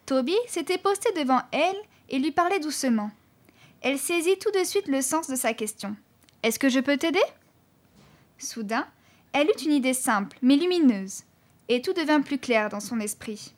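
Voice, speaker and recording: A woman narrating a children's story in an expressive, clear reading voice. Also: high voice, normal speed. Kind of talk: audiobook narration.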